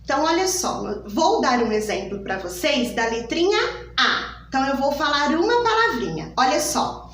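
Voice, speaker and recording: Lady teacher for little kids, high lively voice, draws words out slow, echoey room mic kinda far off. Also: slight background noise. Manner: slow, sing-song and exaggerated, stretching out each word for small children. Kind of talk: children's phonics lesson.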